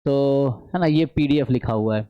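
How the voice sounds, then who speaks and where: A man giving an online statistics lecture, explaining step by step, often checking in with the class and slowing down to dictate formulas. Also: medium pitch, clear, resonant tone, highs cut off. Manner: mixes English math terms into speech; slows to dictate formulas aloud. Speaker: statistics teacher.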